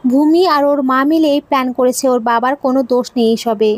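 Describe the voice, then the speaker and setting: A woman voicing a young maid who has become a bride, bold, sharp-tongued and blunt. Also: high-pitched, fairly quick, dry recording, lightly acted. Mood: pleading. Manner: blunt, pointed.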